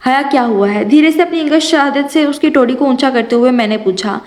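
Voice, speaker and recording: A young woman narrating an audio novel with lively first-person storytelling. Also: high voice. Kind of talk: reading an audio novel aloud. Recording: roomy echo.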